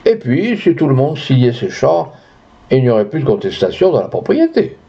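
A man's voice: mid-range voice, wildly swooping pitch, moderate pace, creaky, warm tone, husky, heavily acted. A man playing a cruel, pompous rich landowner who bullies and boasts, in a dull lo-fi recording. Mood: boastful. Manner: boastful, then furious and bullying.

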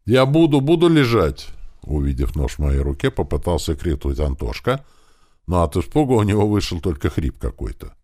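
Guy reading an audiobook, really low voice, lively delivery, dry close sound. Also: brisk, breathy edge, dry recording. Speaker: audiobook narrator. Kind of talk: first-person audiobook narration.

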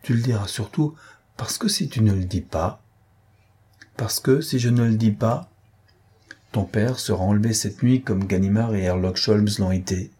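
A man voicing an imperious, menacing gentleman thief in an audiobook reading, with a forceful, threatening delivery. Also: on the low side, normal speed, slightly rough. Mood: commanding.

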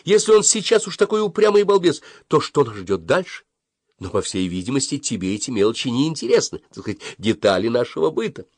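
A man voicing an anxious, scolding mother in an audiobook, pressing and shrill. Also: sing-song, a little fast, no echo. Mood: tearful. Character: anxious, scolding mother, middle-aged woman. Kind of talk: audiobook character reading.

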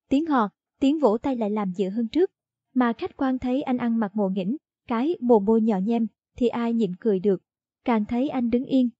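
A woman reading a short story aloud in a steady storytelling narration. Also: a little high, no echo. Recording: dull lo-fi dry audio.

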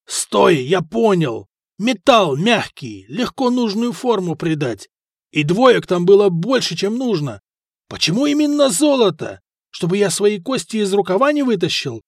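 A desperate male swindler, voiced by a man in an audiobook, frantic and pleading. His voice is high and close. The recording is dry. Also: sing-song, unhurried, no echo, heavily acted.

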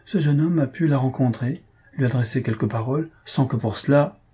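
A man reading aloud and voicing a gentle, soothing middle-aged wife and godmother. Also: mid-range voice, brisk, husky, pitched above the performer's own voice.

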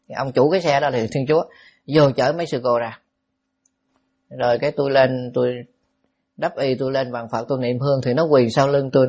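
A man, a Buddhist monk telling a story in a lively, anecdotal way, with asides to the audience. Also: fairly high pitch. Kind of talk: storytelling sermon.

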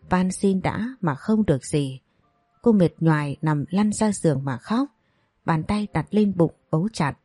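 A woman reading a dramatic story in a steady narrative voice. Her tone is low and dark. The recording is dry and close. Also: slightly rough, no echo.

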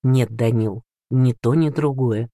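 A man reading a calm male doctor. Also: medium pitch, takes it slowly, no echo, studio quality.

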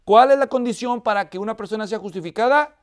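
A man's voice: high-pitched, quick pace. A man preaching an expository sermon who keeps asking the congregation whether they follow. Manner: asks the congregation frequent check-in questions; tells a joke in a lively, animated way.

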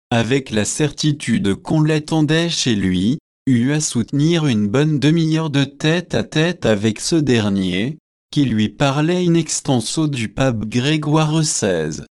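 A man narrating a nineteenth-century novel as an audiobook reader, slow and measured. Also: medium pitch, a little mellow. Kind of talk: scripted narration.

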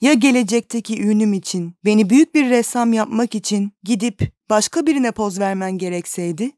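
A woman reading the lines of a passionate, poor young male painter, speaking in fervent, excited outbursts. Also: medium pitch, fairly quick, no room sound, clean studio sound, close to an everyday voice. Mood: solemn.

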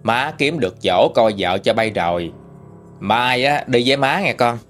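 A man with a Southern Vietnamese accent voicing a stern, sharp-tongued old woman who rules her family, in a ghost story, speaking in a bossy, blunt country way. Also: medium pitch, animated, measured pace, soft background music. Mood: commanding.

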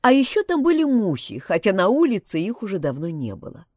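Expressive woman reading a story. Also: medium pitch, brisk, dry recording, studio quality.

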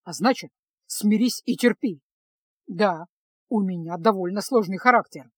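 A woman reading a storybook, voicing a gruff, sardonic male mage in a curt, grumbling manner. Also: medium pitch, unhurried, no room sound, clean studio sound. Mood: irritated.

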